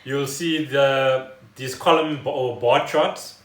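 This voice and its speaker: Speaking slowly with fairly even intonation, a South African man uses his medium-pitched voice to explain news on a casual podcast he co-hosts. His manner is wry and conversational, and the home recording is echoey and roomy.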